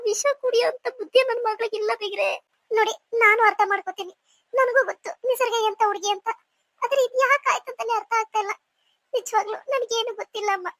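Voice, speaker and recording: A woman's voice: extremely high pitch, fairly bright tone, no echo. A woman voicing a worried middle-aged mother-in-law in a cartoon, defending herself. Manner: defensive, pleading.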